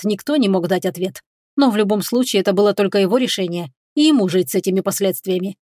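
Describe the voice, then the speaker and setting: A woman reading a fantasy story aloud in a calm, even manner. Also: medium pitch, no room sound, clean studio sound. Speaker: audiobook reader. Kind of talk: scripted narration of a fantasy story.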